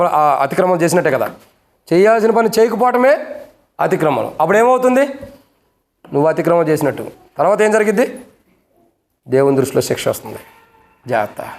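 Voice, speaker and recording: Fervent preaching man, fairly high voice. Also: darkish tone. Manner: fervent, hammering repeated rhetorical questions; scolding, warning tone. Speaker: pastor. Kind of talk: sermon.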